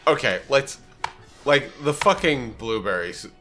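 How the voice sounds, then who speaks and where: Bright-voiced man chatting casually, halting. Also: medium pitch, animated, soft background music. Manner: halting, repeats phrase openings. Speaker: let's play co-host watching and commenting. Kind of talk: casual chat.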